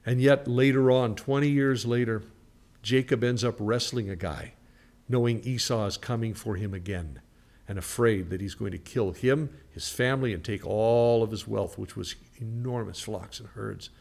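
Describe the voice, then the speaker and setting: A man's voice: lowish voice, normal speed, vocal fry. Man preaching with strong dynamic swings. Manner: swings from loud, emphatic preaching to quiet, conversational storytelling; rhetorical questions and acted-out quotes. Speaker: pastor. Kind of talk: sermon.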